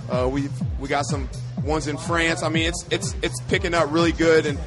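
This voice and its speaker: A man in his thirties, an athlete and coach, talking casually in an interview in long, energetic run-on lists. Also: a little high, normal speed, over music.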